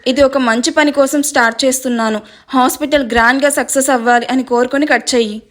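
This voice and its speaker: Brief: a woman doing a soft-spoken kind husband in an audio story, high-pitched. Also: fairly even intonation, fast, natural voice. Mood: gentle. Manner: warm and coaxing. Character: kind, gentle young husband.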